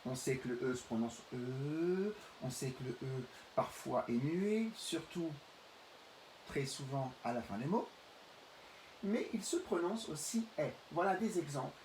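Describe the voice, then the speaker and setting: A middle-aged male teacher giving a reading lesson to young pupils, speaking slowly and carefully and stretching out the example words. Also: fairly high pitch, animated, darkish tone. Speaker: primary school teacher. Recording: roomy, distant mic, faint hiss.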